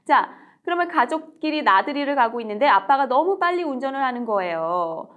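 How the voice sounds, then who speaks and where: A woman teaching English in a recorded lecture, repeating English phrases slowly and clearly, with a friendly, encouraging tone. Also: sits high, big pitch swings, narrow, tinny audio. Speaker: English teacher and book author.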